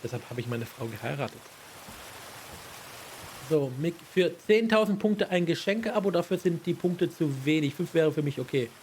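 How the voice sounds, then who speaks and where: A man in his thirties chats casually on a game stream, thanking viewers along the way. His voice sits a little high. Faint noise hums in the background. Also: expressive, normal speed, a little mellow. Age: 30s. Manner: chatty, thanks chat viewers while playing. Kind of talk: casual live stream chat.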